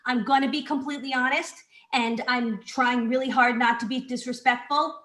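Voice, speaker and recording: A woman's voice: sits high, fairly even intonation, moderate pace, a bit bright, roomy sound, low-quality recording. A woman giving an earnest, emotional public comment as a parent on a video call.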